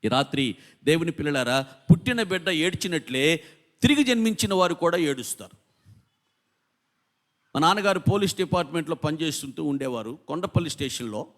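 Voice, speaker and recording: A man's voice: fairly high pitch, expressive, a little fast, pauses often, a bit bright. A man in his fifties, a pastor preaching an impassioned sermon in a church, building up long lists of repeated phrases. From India. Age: 50s.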